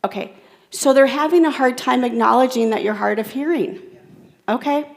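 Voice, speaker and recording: Gravelly-voiced woman giving an engaging keynote. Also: high-pitched, moderate pace. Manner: engaging, repeats audience comments back. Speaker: keynote speaker. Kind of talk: interactive talk with audience.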